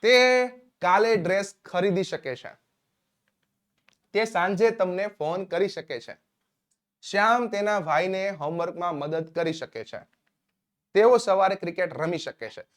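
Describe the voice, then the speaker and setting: A man leads a spoken English lesson in a fairly high voice. He keeps things upbeat, cueing each new example and spelling out the English sentences slowly, word by word. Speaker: English teacher.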